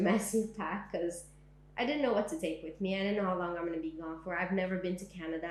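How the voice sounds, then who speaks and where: In an echoey living room, a young Syrian woman gives oral history testimony as the interviewee, her voice fairly low. She reflects on things thoughtfully, sprinkling her speech with frequent "like"s and "um"s.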